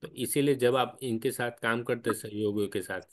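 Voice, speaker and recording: A man leads an online spiritual study discussion in a mid-pitched voice. He explains patiently, step by step, and often stops to put questions to his listeners. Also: steady tone, normal speed. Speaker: study group guide. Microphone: online call.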